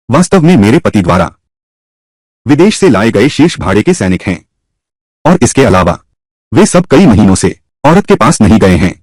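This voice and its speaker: Husky man in a lively drama dub. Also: lowish voice, dry recording. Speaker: dub voice actor. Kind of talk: Hindi dub of a short drama.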